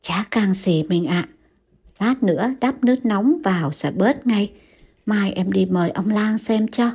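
A woman voicing an anxious young wife, speaking in a pleading, panicky higher voice. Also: measured pace, darkish tone, slightly rough. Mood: soothing.

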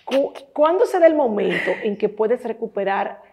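A woman's voice: on the high side, animated, normal speed, a little mellow, slight background noise. A woman with a Dominican accent hosting a talk show, prompting her guest with supportive follow-up questions. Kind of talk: radio and TV talk show interview.

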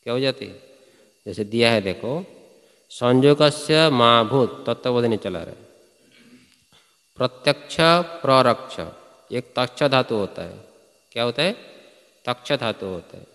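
A man's voice: mid-range voice, normal speed, pauses often, fairly bright tone. Hindi-speaking man teaching Sanskrit grammar. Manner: asks students frequent check questions; recites Sanskrit sutras then explains. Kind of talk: classroom lecture. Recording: reverberant hall.

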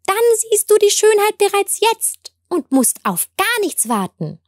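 A woman voicing a high, earnest talking blade of grass. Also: big pitch swings, measured pace, no echo, clean studio sound, full character voice. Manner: earnest, gently admonishing. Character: small talking blade of grass, patient, gently instructive.

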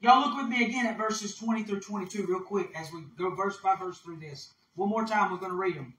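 Preacher, man, high bright voice, folksy and fervent. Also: a little fast. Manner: folksy storytelling, reading scripture aloud, fervent prayer. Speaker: pastor. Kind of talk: Baptist sermon. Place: church sanctuary. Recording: echoey church from a distance.

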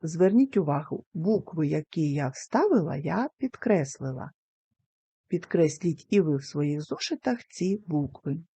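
A woman teacher giving a recorded lesson to young children, speaking slowly and carefully and sounding out words syllable by syllable. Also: low-pitched, big pitch swings, dark tone, slightly rough, no echo. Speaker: primary school teacher.

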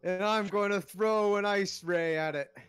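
A man playing in a tabletop game, describing his character's moves in excitable, casual talk. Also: high-pitched, measured pace, soft background music. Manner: excitable, swears, laughs easily. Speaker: player.

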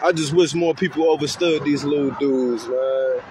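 A man's voice: on the high side, steady tone, normal speed. A man speaking casually and from the heart about mentoring kids, outdoors on a city street. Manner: heartfelt, slangy, acts out kids' voices. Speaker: community outreach speaker. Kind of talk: casual street talk to camera. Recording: faint street noise outdoors.

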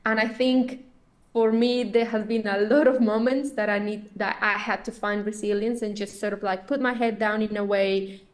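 A woman's voice: medium pitch, steady tone, moderate pace. A woman, talking earnestly and reflectively as a podcast guest. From Colombia. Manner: earnest, reflective, with frequent restarts. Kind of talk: podcast interview.

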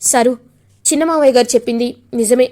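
A woman voicing a caring young woman of the house who soothes and coaxes the family, in a high voice. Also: brisk, a little mellow, close to an everyday voice. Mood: gentle. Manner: soothing, coaxing.

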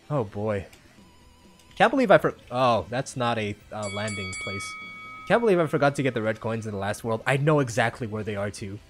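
A gamer giving excitable let's-play commentary, reacting aloud and talking to themself, with faint game music behind. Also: mid-range voice. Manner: excitable, reacts loudly with exclamations and self-talk. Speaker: gamer playing a Roblox obstacle game.

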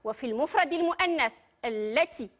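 A woman's voice: sits high, expressive, fairly quick, fairly bright tone. A woman with an Algerian accent teaching a primary school grammar lesson, patient and putting questions to her pupils. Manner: patient, addresses pupils directly and asks them questions. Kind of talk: Arabic grammar lesson for children.

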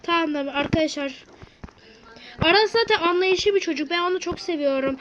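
A woman host giving chatty, excitable live commentary while playing a game, often bursting into shouts. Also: very high-pitched, moderate pace, dull audio. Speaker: gameplay channel host. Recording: noisy home recording.

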